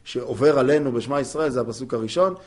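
A man gives a Torah class in a plain middle-pitched voice. He explains the law patiently, stopping often on fillers before he finds the next point. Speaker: rabbi teaching halakha. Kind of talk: torah lesson.

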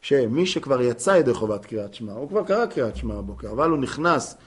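Man teaching a halting Torah lesson. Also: mid-range voice, big pitch swings. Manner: explanatory, halting with fillers. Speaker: rabbi teaching halakha.

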